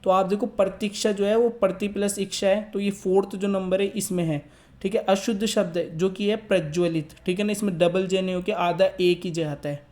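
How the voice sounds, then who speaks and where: High-pitched guy tutor w/ going over exam answers, soft dark tone, keeps checking in w/ listeners. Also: steady tone, fairly quick. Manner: explains step by step, keeps asking "theek hai".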